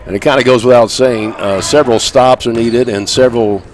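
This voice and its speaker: A man's voice: medium pitch, a little fast. Man calling college basketball play-by-play. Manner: steady play calls with occasional wry asides. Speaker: play-by-play announcer. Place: college gym. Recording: loud crowd noise behind.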